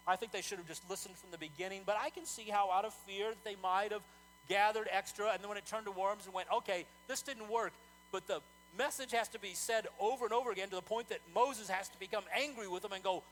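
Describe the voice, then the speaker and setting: A male pastor preaching a sermon in a conversational, animated way, often repeating words as he talks. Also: sits high, a little hiss or hum, poor audio.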